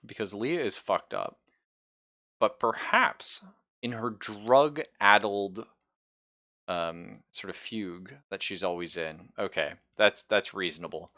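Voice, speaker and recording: This man's pitch is fairly low and his tone bright and forceful. He's the game master of a horror tabletop roleplaying game, making up the narration as he goes in a halting, suspenseful manner.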